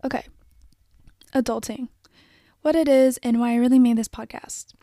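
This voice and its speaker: A woman's voice: on the high side, steady tone, normal speed, warm tone, no echo, studio quality. A young woman in her late teens hosting a casual solo podcast, rambling and reflective with frequent fillers. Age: young adult. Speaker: podcast host. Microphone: phone and microphone.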